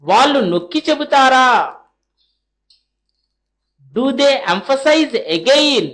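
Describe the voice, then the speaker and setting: A woman with a high-pitched, slightly bright voice teaches spoken English. She reads short question drills slowly, spacing them deliberately, and follows each with a translation.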